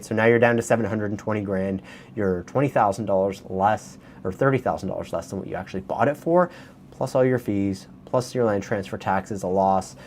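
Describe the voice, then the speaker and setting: A man's voice: on the low side, darkish tone, slight background noise. A man with a Canadian accent giving a casual, chatty walkthrough of property listings, talking straight to his viewers. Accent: Canadian English. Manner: chatty, conversational, addresses viewers directly. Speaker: real estate video host.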